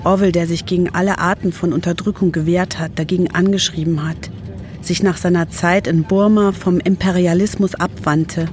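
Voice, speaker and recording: Steady and a little mellow, a lowish female voice at a moderate pace narrates in the first person; she's in her forties and wrote the radio documentary, which includes phone calls. There's slight background noise.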